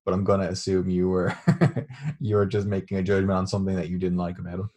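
A man's voice: sits low, flat delivery, fast talker, dark tone. A man co-hosting a podcast, chatting casually and teasing his co-host, with lots of "like" and "kinda". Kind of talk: casual chat.

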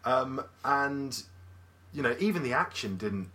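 A man co-hosting a film review podcast, with a bright, forceful tone at a middling pitch. He talks hesitantly, hedging each point with fillers as he works out his view. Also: lively intonation, measured pace. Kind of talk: casual chat.

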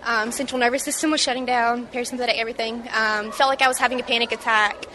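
A woman in her twenties from Mississippi recounting a personal story in an interview, halting and reflective with many fillers. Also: on the high side, fairly even intonation, bright, forceful tone, a little hiss or hum. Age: 20s. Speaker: interview guest.

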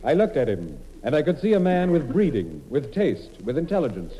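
A comedian and monologist tells his scripted story mock-earnestly on old-time radio, his slightly high voice taking huge pitch swings at a fairly quick pace. The tone is dark, and the noisy old broadcast recording cuts off the highs.

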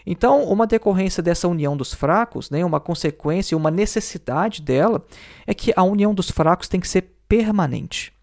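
A man's voice: sits high, animated, a little fast, gravelly, darkish tone. A man explaining philosophy in a lecture, thinking aloud with many fillers and tag questions. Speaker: teacher.

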